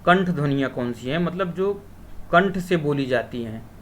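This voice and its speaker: A man's voice: on the high side, lively intonation. A man teaching an exam-prep lesson, asking questions aloud and answering them himself, sometimes drawing out sounds. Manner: asks questions then answers them himself, drawn-out syllables.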